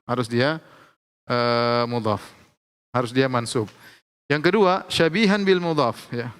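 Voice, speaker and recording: A man teaching Arabic grammar in a lecture, explaining slowly and repeating each example with frequent checks of "ya". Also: mid-range voice, fairly bright tone, clean tone. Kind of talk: classroom lecture. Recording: long hall reverb.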